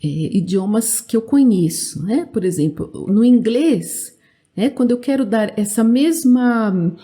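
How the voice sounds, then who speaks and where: A woman with a Brazilian Portuguese accent teaching a language lesson, speaking clearly and drilling verb forms for learners to repeat. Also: fairly high pitch, lively intonation, a little slow, mellow.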